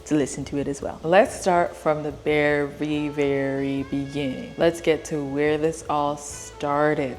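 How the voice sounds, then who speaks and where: A young singer-songwriter from South Sudan speaks to camera in an earnest, reflective way. Her voice sits low for a woman, and faint music plays beneath her words. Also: a little mellow. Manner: earnest, reflective, unhurried storytelling. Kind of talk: casual vlog talk to camera.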